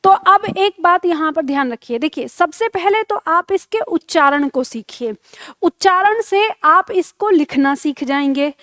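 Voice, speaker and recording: A woman with a high voice teaches an online language lesson, patient and methodical. She stretches out key sounds and checks in with the class often. The recording is close and dry. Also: expressive, measured pace, fairly bright tone, dry recording. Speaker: Hindi teacher. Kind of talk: explaining pronunciation in an online lesson.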